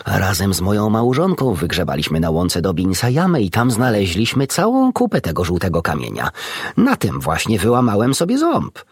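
A man voicing a polite male badger with a toothache, in an audiobook reading, with a husky, low voice. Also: wildly swooping pitch, moderate pace, no echo, clean studio sound, exaggerated voice. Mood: eager.

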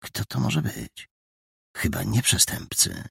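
A man doing a smug boy detective, low and gravelly. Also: big pitch swings, unhurried, no echo, heavily acted. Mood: hushed. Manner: gloating, conspiratorial inner voice.

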